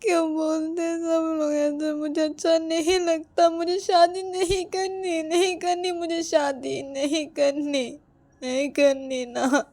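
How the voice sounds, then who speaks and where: A woman's voice: mid-range voice, fairly even intonation, brisk, warm tone, natural voice. A woman voicing a tearful young woman devotee who refuses to marry, pleading and repeating herself.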